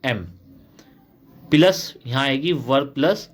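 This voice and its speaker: A man's voice: mid-range voice, takes it slowly. A young man with an Indian accent teaching an English grammar lesson, patiently explaining and repeating example sentences for his students.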